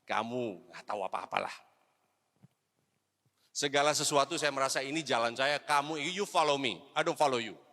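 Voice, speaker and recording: A middle-aged man preaching a sermon as an evangelist, telling a personal story, calling his listeners "brothers and sisters" and dropping English phrases into his talk. He swings between loud exhortation and hushed confession. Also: medium pitch, normal speed, long pauses. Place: church hall. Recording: reverberant church hall.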